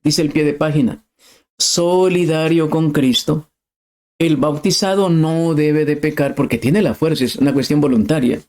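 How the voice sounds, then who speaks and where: A man's voice: on the high side, moderate pace, a little mellow. A middle-aged man preaching a sermon, impassioned and emphatic, rising to cries.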